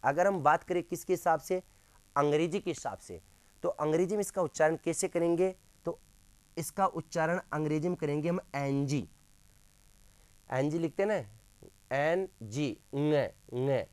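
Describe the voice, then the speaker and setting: Guy teaching grammar to a class, keeps asking questions, kinda high voice, crisp n dry. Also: dry recording. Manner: quizzes students with repeated questions; repeats sounds slowly and drawn out.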